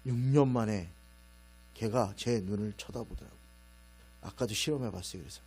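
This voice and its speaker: A middle-aged man preaches in a church, talking to the congregation as if chatting with them. He slips into his own stern or gentle voice as he tells a story, and a faint mains hum runs under the recording. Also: moderate pace, husky. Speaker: pastor. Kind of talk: sermon. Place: church sanctuary. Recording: low mains hum behind the voice.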